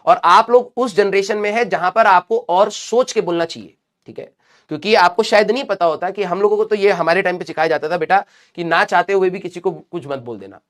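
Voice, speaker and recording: A man's voice: high-pitched, a little fast. Unwell male teacher scolding students. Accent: Hindi. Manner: scolding and advising students, addresses them as beta. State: unwell, speaking slowly. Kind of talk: lecturing students in a live class.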